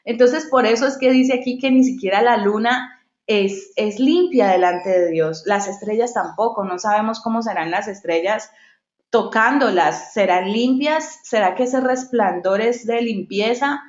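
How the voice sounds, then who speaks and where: A woman's voice: fairly high pitch, a little slow, darkish tone. Woman, devotional Bible teacher, conversational storyteller; echoey, muffled recording. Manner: conversational, tells personal stories. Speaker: women's Bible study leader. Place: at home.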